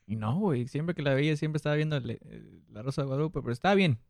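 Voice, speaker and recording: Fast-talking and creaky in a mid-range voice, a podcast host with a northern Mexican accent tells anecdotes in street slang, animatedly acting out what people said. The recording is dry and studio quality.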